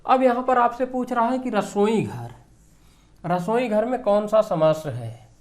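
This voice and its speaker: A man's voice: high-pitched, expressive, measured pace. A man teaching an exam-prep grammar lesson, asking questions and answering them himself, repeating the key terms.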